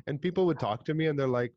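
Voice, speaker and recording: A young podcast host with a Montreal English accent tells stories in casual chat, animated, swearing, and putting on voices. His voice is fairly high, and the audio is dull with no room sound.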